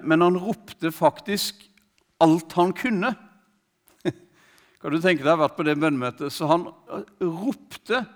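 A man preaching, telling a story in a conversational, hesitant way with many fillers and restarts, and quoting the man he speaks of. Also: on the high side. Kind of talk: sermon storytelling.

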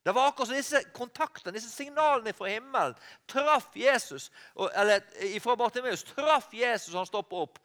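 Animated high-voiced Norwegian preacher. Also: male voice, few pauses. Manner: animated preaching, rising to loud cries, with restarts and self-corrections. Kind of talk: sermon.

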